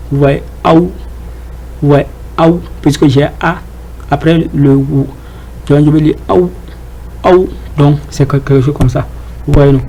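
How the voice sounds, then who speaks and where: A man's voice: on the high side, warm tone, a little hiss or hum, poor audio. A man giving an informal Arabic reading lesson, hesitant, with many fillers, repeated words and rhetorical questions to the class. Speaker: Arabic teacher.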